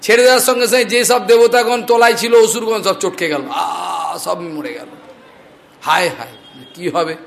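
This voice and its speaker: A man with a high voice preaching a devotional story. He narrates with lively voices and slows down to chant scripture verses.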